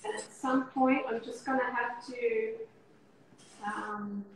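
A woman's voice: a little high, fairly even intonation, takes it slowly. Woman narrating her cooking step by step. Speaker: cooking show co-host. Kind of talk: casual cooking demonstration. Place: home kitchen, indoors. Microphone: video call, laptop or phone camera. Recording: echoey kitchen with faint background noise.

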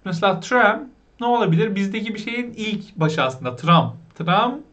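A man teaching basic English vocabulary, explaining patiently, asking learners questions and pronouncing words slowly. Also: high-pitched, lively intonation, a bit bright. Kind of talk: vocabulary lesson.

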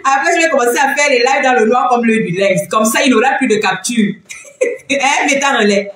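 A woman hosting a casual live stream from home, talking in an animated, teasing way and laughing often. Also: on the high side, fairly quick. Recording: very echoey room, faint background noise.

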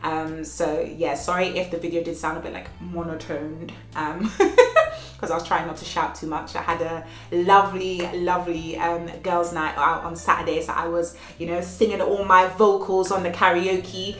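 With a slight cold, a woman in her thirties vlogs from home, earnestly handing out motivational life lessons and repeating phrases for emphasis. Her lowish, slightly bright voice stays fairly even in pitch at normal speed. There is echo, faint music, and a child playing in the next room.

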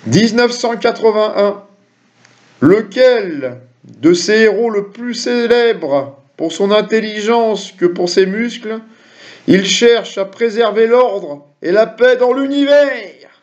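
A middle-aged man with a high, lively voice reads quiz questions to camera from his desk in a small room at home, going slowly and tossing jokey, chatty asides to viewers. The webcam or computer mic gives a dull, muffled, lo-fi sound.

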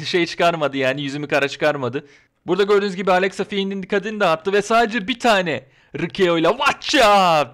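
A man giving his casual opinions in a vlog, talking in an excitable, ranting, colloquial way. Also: a little high. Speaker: wrestling commentary vlogger.

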